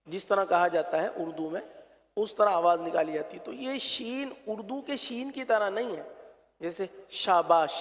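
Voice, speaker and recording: A man teaching the pronunciation of letters for Quran recitation, slow and patient, drawing out each sound to demonstrate it. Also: high voice, big-room sound.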